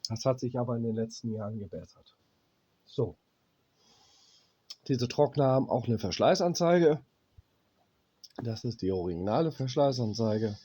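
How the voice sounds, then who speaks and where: A coughing German repairman with a cold walks through fixing a dryer, stopping now and then to check parts and talking to himself as he does. His mid-range voice is expressive, mellow and husky. He speaks bluntly and plainly, swearing at cheap gear.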